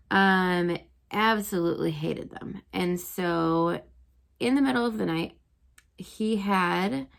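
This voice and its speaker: A woman's voice: lowish voice, vocal fry. A young woman, a teacher, casually retelling history stories to her students, chatty and full of "um" and "like". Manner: chatty, lots of "um" and "like".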